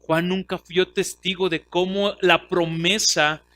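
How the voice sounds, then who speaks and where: Slow, bright-voiced Mexican pastor preaching. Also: male voice, high voice, level tone. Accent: Mexican Spanish. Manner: earnest preaching with frequent restarts and repeated words; rises to emphatic declarations. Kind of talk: sermon.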